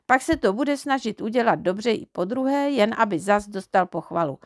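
Woman reading a level-headed little storybook girl, calm and practical, dry close sound. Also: mid-range voice, no room sound, lightly acted. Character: sensible, kindly little girl.

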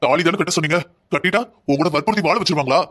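A man's voice: on the high side, racing, fairly bright tone. A young man voicing a stubborn, resentful husband in a cartoon drama, speaking harshly and defiantly. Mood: contemptuous.

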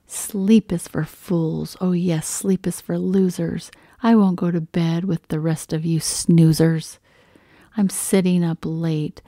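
Woman putting on a cranky greedy pug for a storybook read-aloud, whiny, loud and demanding. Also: fairly low pitch, fairly even intonation, takes it slowly, dry recording, studio quality.

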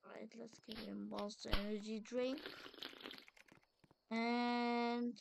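A woman's voice: on the high side, little pitch movement, slow, gravelly, background noise. A woman giving casual commentary while she plays a game. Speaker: gamer recording gameplay commentary.

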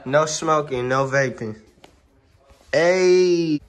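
A man's voice: fairly high pitch, extremely slow, dry recording. A man vlogging a road trip with his friends, talking in a joking, slangy, playful way from a car and a rented house. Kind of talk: casual road trip vlog. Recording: noisy car and street background.

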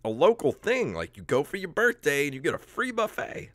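A man's voice: fairly high pitch, brisk, no room sound. A man in his thirties hosting a podcast over a video call, telling casual stories with lots of laughter. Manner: animated storyteller, laughs often. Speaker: podcast host. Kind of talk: casual chat. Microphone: headset on video call.

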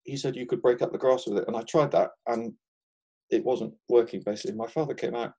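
Relaxed, mellow-voiced older Englishman. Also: medium pitch, quick pace, gravelly. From England. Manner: thoughtful, chuckling often, frequent restarts. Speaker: guest market gardener. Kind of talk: relaxed conversational interview.

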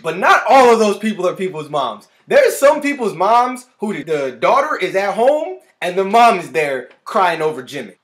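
A young man in his twenties hosting a music reaction video, excitable and often cutting himself off to react, recorded in a small room on a webcam. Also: sits high, moderate pace, few pauses. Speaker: music reaction channel host. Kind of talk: casual reaction commentary. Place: small indoor room with a guitar on the wall.

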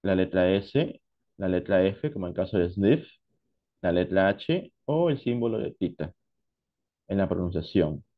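A man teaching English to Spanish speakers, explaining past tense pronunciation slowly and deliberately, switching between Spanish and English. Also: low voice, animated, muffled recording. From Peru. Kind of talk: online class lesson.

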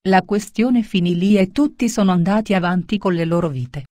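A woman narrating a religious children's story in a steady, plain reading voice. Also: mid-range voice, normal speed, dry recording, studio quality.

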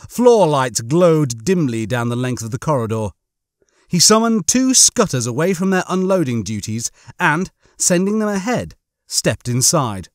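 In clean studio sound with no echo, a man with a fairly high voice narrates a comic science fiction audiobook. His scripted reading is dramatic and full of suspense.

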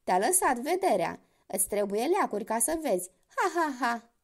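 A woman voicing a big, foolish, ugly horned male devil in a spoken fairy tale, loud, greedy and boastful. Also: on the high side, sing-song. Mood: mocking.

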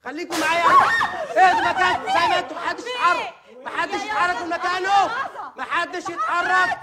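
A man's voice: very high voice, huge pitch swings, fast talker, a loud crowd, very noisy, voice pushed up, heavily acted. A man playing a stern male sheikh in a hidden-camera prank, commanding everyone to sit still and chanting prayers to drive off a jinn.

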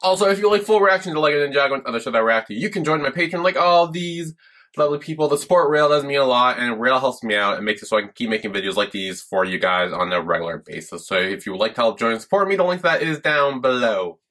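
A man's voice: mid-range voice, lively intonation, fast talker, fairly bright tone. A young man hosting a reaction video, commenting casually. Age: young adult. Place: small indoor room.

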